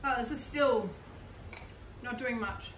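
A woman's voice: a little high, slow. A young Australian woman chatting casually and bluntly, with swearing, while she cooks at home. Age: young adult. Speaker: home cooking vlogger. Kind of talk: casual chat while cooking. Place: small home kitchen, indoors. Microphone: camera a few feet away. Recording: echoey noisy kitchen, distant camera mic. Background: clattering dishes and pans.

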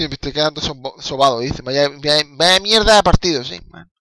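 Excitable young man streaming a game. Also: a little high, normal speed, dry recording. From Canary Islands. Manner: rambling, excitable, swearing, laughing asides. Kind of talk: casual live-stream commentary.

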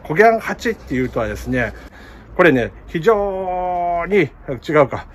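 A man's voice: high voice, sing-song, measured pace. A middle-aged man with a Kumamoto dialect, chatting casually in a plant vlog and laughing at himself. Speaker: plant shop owner.

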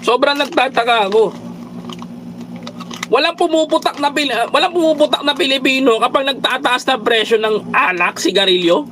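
A man's voice: very high-pitched, normal speed, noisy background. A man from the Philippines doing a casual political commentary livestream, preaching to his viewers, reading their comments and dropping English phrases into his talk. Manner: preachy, repeatedly addresses viewers as brothers and countrymen.

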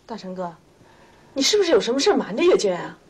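A modest, kind young mother in a 1990s TV drama, talking. Her voice is very husky, with a lively rise and fall. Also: mid-range voice, fast talker, full character voice. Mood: mild.

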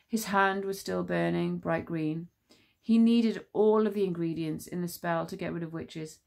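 Teacher reading aloud, woman, expressive storyteller, children's chapter book. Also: lowish voice, creaky.

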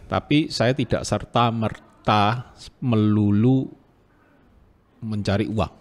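A man's voice: on the low side, takes it slowly. A man, a bike mechanic telling a workshop story in casual chat, acting out the customer's lines. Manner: animated storytelling, acting out dialogue.

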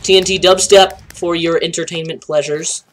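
A young man with a stuffy, nasal voice casually commentating a game, joking around and shouting bursts of excitement at the action. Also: a little high, normal speed, slight background noise. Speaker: gameplay commentator. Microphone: home desk mic.

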